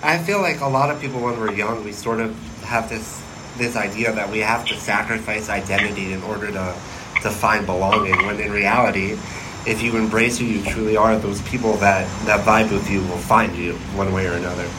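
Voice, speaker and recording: A man hosting an interview, asking relaxed questions and joking lightly. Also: lowish voice, fairly quick. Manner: relaxed, easygoing, jokes lightly. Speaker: interviewer host. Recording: heavy background hiss.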